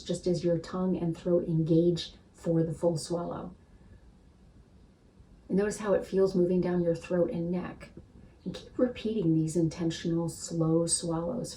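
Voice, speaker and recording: A woman with a low, mellow voice teaches a spiritual practice in a gentle, soothing way. She often checks in with the listener. Her voice sounds a little distant from the mic, with faint noise behind.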